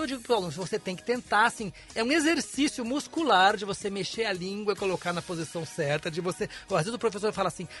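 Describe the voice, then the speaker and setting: A man's voice: high voice, fairly bright tone. A man, an English teacher, explaining pronunciation as a guest on a radio interview in a studio. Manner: explanatory, demonstrates sounds.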